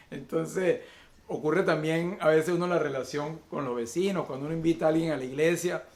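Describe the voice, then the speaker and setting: Male pastor, fairly high voice, sermon delivery with repeated words and fillers, reverberant room. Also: darkish tone. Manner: repeats words while searching, fillers "eh" and "este"; slows to list virtues one by one. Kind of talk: online Sunday sermon.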